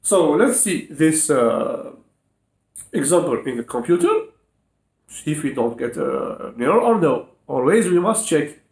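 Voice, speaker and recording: A man's voice: on the high side, lively intonation, measured pace, a little mellow. A man giving a step-by-step programming lesson in non-native English phrasing, dictating code symbol by symbol and often checking in with short questions. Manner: frequent rising check-in questions. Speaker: programming tutor. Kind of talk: step-by-step coding lesson, spelling out code aloud. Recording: echoey room.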